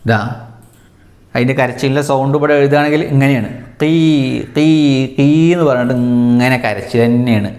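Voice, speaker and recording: A man's voice: medium pitch, level tone, fast talker, a little mellow. A man teaching a children's language lesson, telling a story and imitating animal sounds for the class to repeat. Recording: echoey room.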